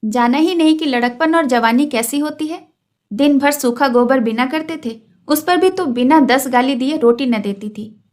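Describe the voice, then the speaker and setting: A woman's voice: high-pitched, a little mellow, close to an everyday voice. A woman voicing a bitter, hot-tempered young village man in a storybook reading. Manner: angry, resentful reading.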